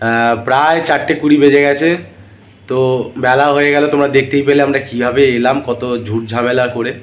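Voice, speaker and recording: A man's voice: mid-range voice, fairly even intonation, fairly quick, roomy sound. A tired man talking casually to his viewers in a travel vlog. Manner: chatty, talks straight to viewers. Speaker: vlogger. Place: hotel and beach town, indoors and out.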